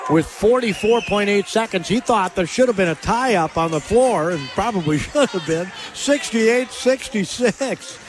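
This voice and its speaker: Excited high-voiced basketball radio announcer. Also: male voice. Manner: rapid excited calling, shouting on big plays. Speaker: play-by-play announcer. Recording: radio broadcast.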